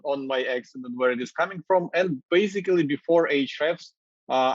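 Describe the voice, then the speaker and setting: A man in his thirties from Ukraine with a Ukrainian accent, speaking English in a casual, energetic interview with many fillers, over wireless earbuds on a video call. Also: medium pitch, dry recording, muffled recording. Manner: energetic, gestures while talking, many fillers. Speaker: marketing executive guest. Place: office with glass walls, indoors.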